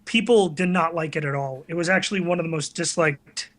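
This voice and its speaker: This podcast guest, who makes online videos and hails from the US tri-state area, spins candid, self-mocking anecdotes in a relaxed, conversational manner. His fairly high voice is brisk and has a fairly bright tone.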